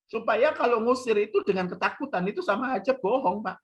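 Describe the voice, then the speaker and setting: Male pastor, animated storyteller, conversational teaching. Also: extremely high pitch, fairly quick, slightly rough. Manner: animated storytelling, acts out quoted voices.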